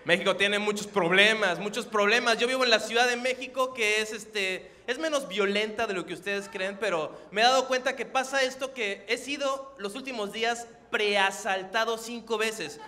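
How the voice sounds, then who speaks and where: A young man from Acapulco doing stand-up on a theater stage with a dry, deadpan, self-deprecating delivery. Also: high-pitched, normal speed, few pauses, in a large hall. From Acapulco, Mexico. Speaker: stand-up comedian. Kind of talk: stand-up comedy. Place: theater stage before a live audience.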